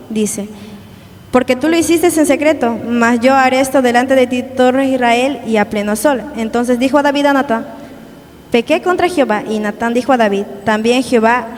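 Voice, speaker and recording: A young woman preaching a sermon at a youth service, earnest and repetitive, often asking the congregation questions. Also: on the high side. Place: church hall. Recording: long church hall reverb, faint background noise.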